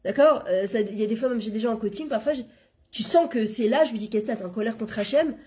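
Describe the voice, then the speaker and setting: A middle-aged woman giving an informal religious lesson, talking in a lively, conversational way and dropping Hebrew terms into her French. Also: a little high, fast talker. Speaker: Torah class teacher and coach.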